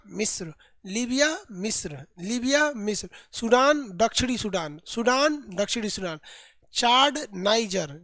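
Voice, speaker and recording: A man's voice: high-pitched, a bit bright, no room sound. Male tutor, live online class, repeats lists in chant, dry close sound. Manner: drills lists by repetition, colloquial and playful. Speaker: teacher.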